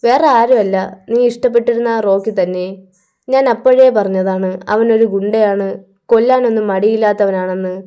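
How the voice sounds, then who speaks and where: A woman's voice: mid-range voice, steady tone, normal speed, clean tone, dull audio, close to an everyday voice. A woman voicing a stern, scornful middle-aged father who lectures his daughter.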